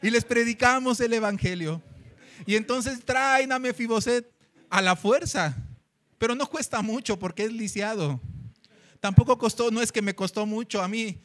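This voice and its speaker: Animated high-voiced Mexican preacher. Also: male voice, normal speed. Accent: Mexican Spanish. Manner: animated preaching, acting out dialogue, sometimes singing a hymn. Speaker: pastor. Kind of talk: sermon. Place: church meeting hall.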